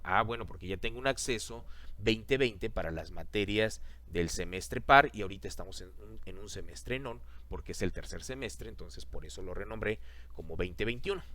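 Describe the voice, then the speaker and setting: A man teaching a software lesson over a screen recording, talking the class through each click and repeating the steps. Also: on the low side.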